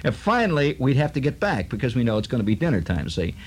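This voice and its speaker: A radio host from Chicago spins a rambling childhood yarn, wry and full of asides. His voice is husky and rough-edged, and his delivery swoops up and down in lively pitch. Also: fast. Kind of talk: storytelling monologue.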